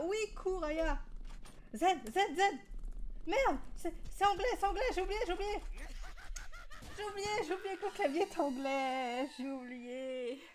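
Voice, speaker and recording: A high-pitched woman talks over her horror game in a casual, jittery way. She laughs a lot, repeats herself when nervous, and has a faint hiss of noise behind her. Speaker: let's play gamer. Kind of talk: casual horror gameplay commentary.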